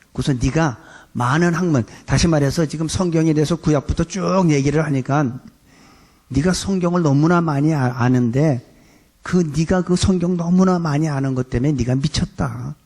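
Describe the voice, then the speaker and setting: A man's voice: on the high side, darkish tone, husky. A middle-aged male pastor preaching a sermon in a conversational way, acting out quoted lines in his talk.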